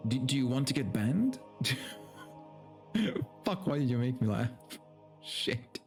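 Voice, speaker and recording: A streamer with a mid-range, slightly mellow voice talks slowly but with lively intonation, game music in the background. His livestream mixes loose, profanity-laced, rambling chat with a dramatic story reading.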